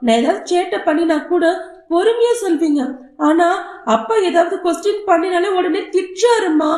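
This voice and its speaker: A woman's voice: very high-pitched, expressive, moderate pace, a little mellow, pitched above the performer's own voice. A woman voicing a small, stubborn and tearful boy who pleads in a whiny child voice. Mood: pleading. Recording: roomy echo.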